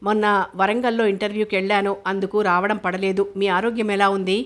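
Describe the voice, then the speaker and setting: A woman reading the lines of a caring young man in a novel, in a gently coaxing way. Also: high-pitched, flat delivery, fairly quick. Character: young man, caring, earnest family friend. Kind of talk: audiobook character reading.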